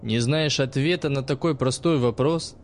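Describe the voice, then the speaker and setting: Man playing a gruff old man, sarcastic, dry, stern, middle pitch, faint background noise. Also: normal speed, lightly acted.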